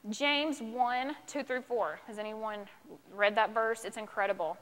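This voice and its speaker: A woman's voice: fairly high pitch, steady tone, unhurried, fairly bright tone. Earnest woman in an echoing hall. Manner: earnest, emotional, speaking to a group. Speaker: speaker giving a testimony. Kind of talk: personal testimony talk. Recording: long reverb of a hall.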